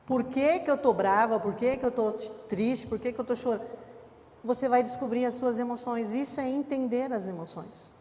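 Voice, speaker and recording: A woman's voice: fairly high pitch, normal speed, mellow. Woman teaching in a reverberant church. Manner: conversational, acts out quoted people. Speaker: church speaker on emotional health. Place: church hall. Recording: long church hall reverb.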